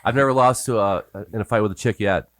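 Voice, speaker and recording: A man's voice: lowish voice, fast talker. An American man in his fifties hosting a casual band interview, joking, teasing and swearing freely. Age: 50s. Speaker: interview host.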